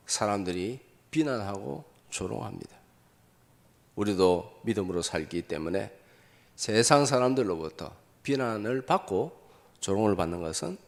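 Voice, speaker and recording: A man's voice: fairly low pitch, vocal fry. A man preaching a Sunday sermon as pastor, posing rhetorical questions and answering them himself. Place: church sanctuary. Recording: long hall reverb from a church.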